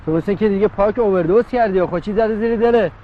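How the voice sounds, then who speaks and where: A man's voice: high-pitched, phone-quality sound, a little hiss or hum, close to an everyday voice. A man voicing a bossy, scolding male assistant director in a cartoon.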